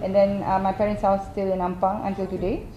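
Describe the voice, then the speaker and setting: A woman in her thirties from Malaysia, chatting casually in an interview and telling a story with lively quoted voices. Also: medium pitch, brisk, roomy sound, muffled recording, background noise. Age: 30s. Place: indoor lounge on a sofa.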